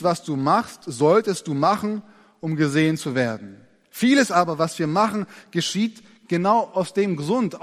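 During a sermon, a man preaches in a slightly high, earnest, expressive voice. To stress key points he slows down and softens. His words trail off into the long reverb of a large church hall.

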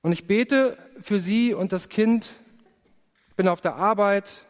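High-voiced man preaching in reverberant hall. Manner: earnest, confessional storytelling with prayerful pauses. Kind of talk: personal testimony in a sermon.

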